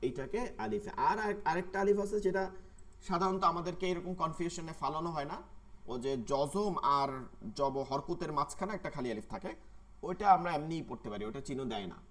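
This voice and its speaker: A man, teaching an online tajweed class and patiently repeating words slowly to show their pronunciation. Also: on the high side, lively intonation. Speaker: Quran recitation teacher.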